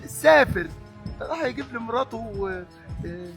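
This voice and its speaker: A man's voice: extremely high pitch, expressive, normal speed, creaky, a bit bright, soft background music, full character voice. A man with an Egyptian accent playing a confused, childlike elderly father who babbles and repeats simple words. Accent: Egyptian Arabic.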